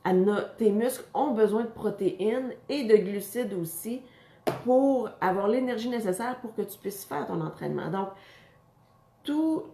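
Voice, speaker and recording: A woman's voice: mid-range voice, animated, a little slow, creaky, warm tone, reverberant, a little hiss or hum. Chatty Québécois woman fitness coach. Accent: Quebec French. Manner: chatty, many fillers and restarts. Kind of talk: casual talk to camera.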